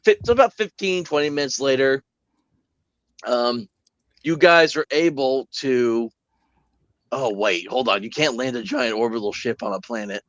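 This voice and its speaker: A man's voice: medium pitch, moderate pace, pauses often, a bit bright, no room sound, muffled recording. A man running a tabletop game on a live stream, talking casually and thinking aloud with hesitations. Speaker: game master.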